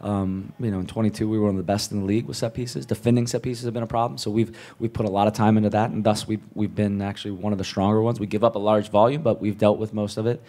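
A man, a head coach, answering post-match press questions in a measured way, often repeating words as he thinks, speaking into a table mic in a press room. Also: on the low side, fairly even intonation, mellow. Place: press room with a sponsor backdrop. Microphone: table mic on a stand.

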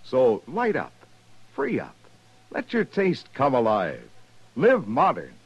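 Male radio announcer, 1950s commercial, swooping pitch, husky, muffled old recording. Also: huge pitch swings, slow. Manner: emphatic, sing-song delivery.

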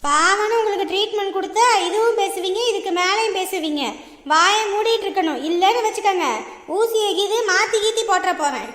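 A woman's voice: very high voice, fairly quick, a bit bright. A woman playing a doctor in a comic skit, mocking and threatening the patient. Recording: echoey room with long reverb and faint music.

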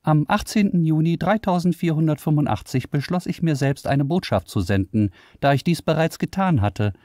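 A man's voice: fairly high pitch, expressive, moderate pace, a little mellow, dry recording, studio quality, pitched above the performer's own voice, close to an everyday voice. A man voicing Jascha, a toneless AI. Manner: toneless, matter-of-fact. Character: self-aware male AI computer, boastful and lonely.

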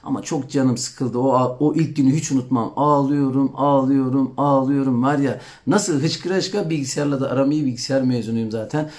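A man's voice: medium pitch, brisk, hardly any pauses, a little mellow. A man talking on a live stream, coaching exam candidates with an earnest personal story, often calling his listeners friends and answering viewer comments.

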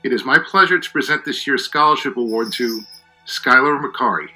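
A man's voice: medium pitch, moderate pace, bright, forceful tone, poor audio. A middle-aged man, a music department chair, formally presenting student awards. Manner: formal, reading announcements.

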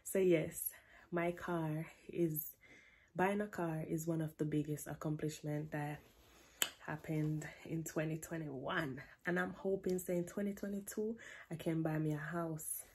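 A woman's voice: sits low, measured pace, slight background noise. A woman in her twenties from Jamaica with a Jamaican accent, chatting playfully in a casual Q&A vlog from her bedroom, slipping into patois. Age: 20s. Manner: relaxed, playful, drifts into patois. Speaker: vlogger. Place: bedroom, indoors. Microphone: camera at close range.

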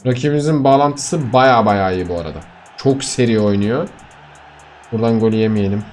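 A man's voice: on the low side, a little fast, darkish tone, soft background music. A young man giving casual commentary on his own match, talking to viewers and swinging from frustrated mutters to outbursts. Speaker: gaming YouTuber. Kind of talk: casual live game commentary.

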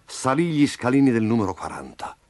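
Male storyteller, lively varied pitch, dramatic hushed moments, soft music under. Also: fairly quick. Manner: expressive, dramatic, drops low and soft for suspense. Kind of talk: storybook reading.

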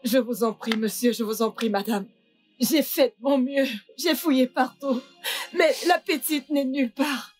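A high-voiced accused woman pleading. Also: a little slow, darkish tone, faint music behind. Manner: pleading and praying. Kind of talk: French film dub.

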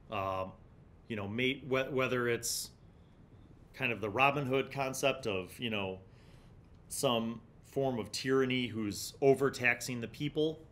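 Leafing through a magazine and reading pieces aloud, this middle-aged gaming review host offers relaxed, conversational commentary while thinking out loud, his voice a bit bright. A desk condenser mic sits before him in a small indoor home studio, and a low background rumble is clearly audible.

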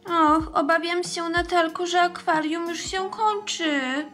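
A woman voicing a caring, cheerful older girl in a children's doll story, speaking gently and clearly. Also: extremely high pitch, steady tone, slow, heavily acted. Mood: chatty. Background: background music.

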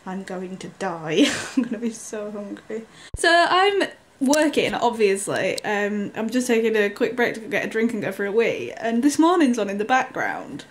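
A woman's voice: medium pitch, very animated, normal speed, slight background noise. Chatty, giggly woman vlogging at home. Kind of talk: casual vlog chat. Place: at home indoors. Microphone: handheld camera.

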